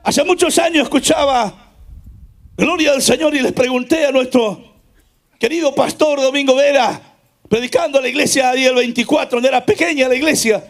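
High, gravelly shouting preacher. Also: male voice, normal speed. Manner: fervent, shouting in bursts, then dropping low. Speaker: pastor. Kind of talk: shouted Pentecostal sermon.

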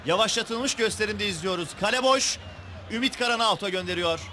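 High-pitched, excited male football commentator. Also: brisk. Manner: excited, emphatic, raised voice. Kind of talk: match highlights commentary. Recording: noisy 1990s TV sports broadcast audio.

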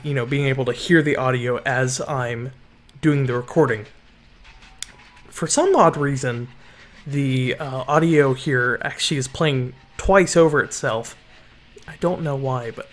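Relaxed man narrating game commentary. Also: medium pitch. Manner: relaxed, frequent ums and restarts. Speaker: Minecraft map builder giving commentary. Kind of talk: casual voice-over commentary.

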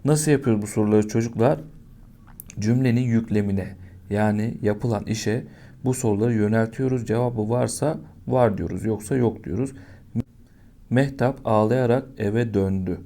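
Gravelly low-voiced male teacher. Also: moderate pace, dark tone. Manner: patient, asks questions and answers them himself. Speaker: primary school teacher. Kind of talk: teaching a lesson to young children.

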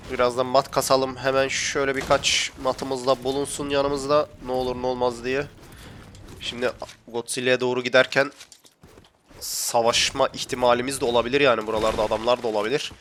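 A man's voice: medium pitch, fairly bright tone, slight background noise. Young man grumbling over his game. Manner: grumbling, gets worked up and complains to viewers. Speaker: gaming YouTuber. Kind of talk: casual gameplay commentary.

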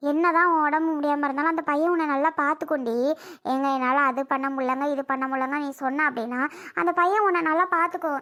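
A woman's voice: high voice, fast talker, pushed and bright. A performer voicing a worried mother who lectures her daughter insistently in a family drama skit. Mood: lecturing. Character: scolding, worried mother giving advice.

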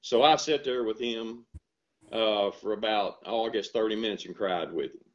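Speaking from a room at home with bookshelves, this older male dairy farmer, who also owns an ice cream shop, chats in a casual video-call interview. His lowish Southern voice moves at a normal pace as he spins earnest, folksy, animated stories. The headset audio sounds a bit lo-fi and dull.

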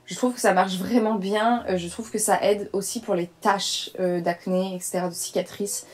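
A woman's voice: mid-range voice, fairly even intonation, normal speed, darkish tone. A young adult woman chatting casually as a beauty vlogger, hesitant and full of fillers as she reviews her products.

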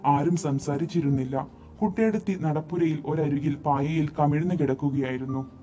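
A man reading a short story aloud as narrator, telling it in an expressive, dramatic way. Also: on the high side, moderate pace. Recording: dull lo-fi recording, faint music behind.

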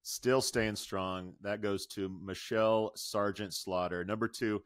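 A middle-aged American man co-hosts a podcast from a room at home over a video call, moving between upbeat banter and reading the news into a close mic. His voice sits on the low side, with fairly even intonation and an unhurried, smooth delivery. There's no room sound.

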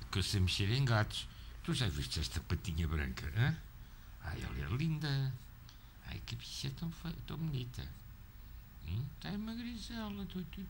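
A man's voice: on the low side, a little hiss or hum. A man talking casually at home, doting and cooing in baby talk. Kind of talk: casual home video chat.

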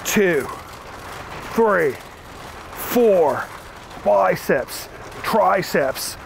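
A man's voice: sits high, lively intonation, extremely slow, gravelly, slight background noise, heavily acted. A young man playing a laid-back, goofy dude who returns shopping carts, rambling in an upbeat way outdoors in a parking lot. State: winded. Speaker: comedic character. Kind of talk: improvised comedy sketch.

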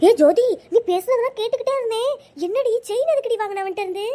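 A woman voicing a bossy, meddling older mother-in-law in a cartoon, scolding and shrill. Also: quick pace, warm tone. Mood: nosy. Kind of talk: cartoon voice acting.

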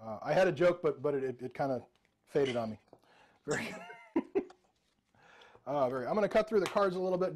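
High-pitched magician, jokey showman. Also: a little mellow. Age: middle-aged. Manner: jokey showman addressing participants by name. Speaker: virtual magician and mentalist. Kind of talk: live interactive stage-magic patter. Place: indoor room with bookshelves, video call.

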